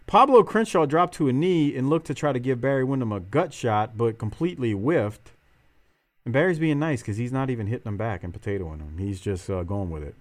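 Male podcast host, mid-pitched and lively, informal wrestling recap chat. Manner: slangy, informal. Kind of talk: casual match recap commentary.

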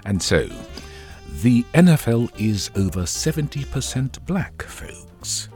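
A man hosting a podcast commentary in wry, formal, wordy language, his voice giving out and hoarse from a cold. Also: mid-range voice, lively intonation, a little slow, mellow, soft background music. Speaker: podcast host. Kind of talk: scripted opinion commentary monologue.

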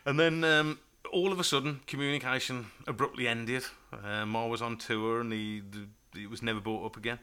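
Bright-voiced man chatting. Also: medium pitch, steady tone, normal speed, few pauses, clear, resonant tone. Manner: chatty, stop-start, trails off recalling names. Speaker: podcast host. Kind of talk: casual chat.

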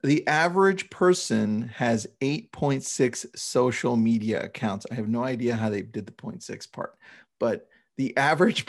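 A male podcast co-host talks in a casual, emphatic way. His mid-pitched voice has a noticeable creak and gravel to it. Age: 30s or older.

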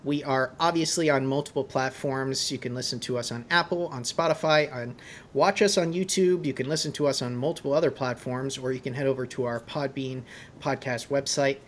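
A man's voice: medium pitch, fairly quick, fairly bright tone, a little hiss or hum. A man hosting a podcast, talking casually and often restarting and repeating his words as he wraps up the episode. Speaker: podcast host.

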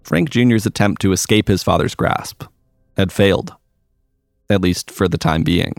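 A male reporter giving scripted narration in a measured, even way. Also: sits low, dry recording.

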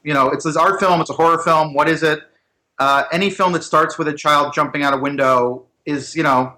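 A man talks quickly and brightly, giving his views as a film critic guest. He speaks in opinionated run-on asides with a bright, pushed tone. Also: medium pitch. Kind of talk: casual chat.

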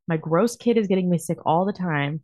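Blunt woman with a low, dry voice. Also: fairly quick, darkish tone, no echo. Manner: blunt, dramatic complaining. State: sick with a cough. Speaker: call-in show co-host. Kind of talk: casual live show chat.

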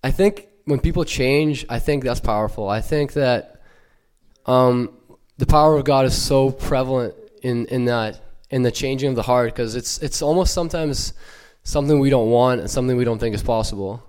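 A young man from Ukraine tells his personal story at church, earnest and accent-free, in a medium-pitched voice that is clean and a little mellow. Fillers and restarts make it halting.

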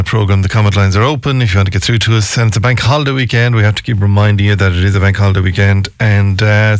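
A man's voice: fairly low pitch, dry recording. A man with a west of Ireland accent hosting a live radio phone-in, chatty, repeating himself and adding folksy tags. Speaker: radio host.

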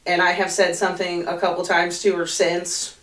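A woman's voice: lowish voice, moderate pace. A woman co-hosting a casual podcast, telling stories from restaurant work and acting out the people in them. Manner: animated storyteller, acts out quotes loudly. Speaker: podcast co-host and server. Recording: roomy, distant from the mic.

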